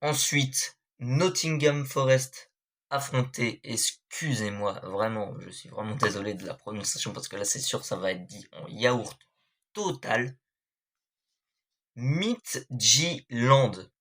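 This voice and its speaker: A man's voice: on the low side, a little slow, a bit bright. A young man hosting an esports club show, giving a casual, hesitant recap of football matches with many fillers and apologies.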